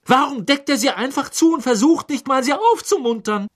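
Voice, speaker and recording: A man's voice: very high-pitched, animated, normal speed, pitched above the performer's own voice. A man voicing an outspoken, indignant teenage schoolgirl in a raised, lecturing voice for an audiobook.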